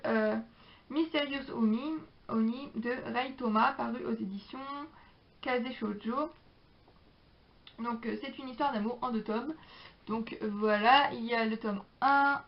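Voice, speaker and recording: A young woman vlogging about books she borrowed, chatting casually with frequent hesitations and fillers. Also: fairly high pitch. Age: young adult. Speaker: book vlogger. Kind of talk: casual chat. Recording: slightly dull lo-fi sound.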